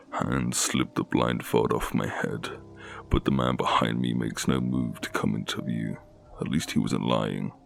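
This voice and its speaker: A man with a low, haunting voice narrating a scripted scary story. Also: vocal fry.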